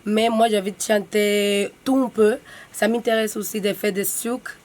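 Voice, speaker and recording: A woman's voice: medium pitch, flat delivery, moderate pace, a little mellow. A young woman from the Dominican Republic with a Dominican Spanish accent, a guest singer chatting casually in simple French with slips, in a radio studio. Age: young adult. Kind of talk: casual interview.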